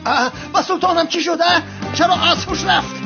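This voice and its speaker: A woman voicing a loud, dramatic middle-aged mother in a dubbed TV drama, shrill and wailing. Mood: frantic. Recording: dull dubbed TV audio with music.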